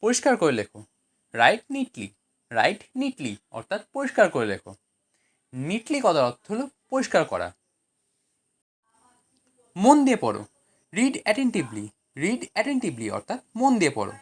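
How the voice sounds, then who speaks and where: Woman teaching translation with lively pitch. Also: a little slow, pauses often, slightly rough. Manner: reads each sentence in Bengali, then English, then explains. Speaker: language teacher. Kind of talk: scripted translation lesson.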